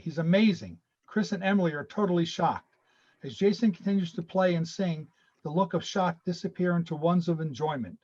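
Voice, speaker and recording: A man reads screenplay stage directions in a steady, matter-of-fact way, his voice a bit higher than most. The audio is dull and lo-fi from a video call. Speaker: narrator reading stage directions. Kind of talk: screenplay reading.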